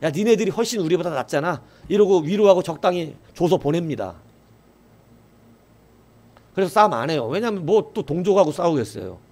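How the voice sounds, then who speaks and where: A man's voice: sits high, darkish tone. A male pastor preaching a sermon. He often asks the congregation a question and then answers it himself. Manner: acts out quoted voices in a raised voice.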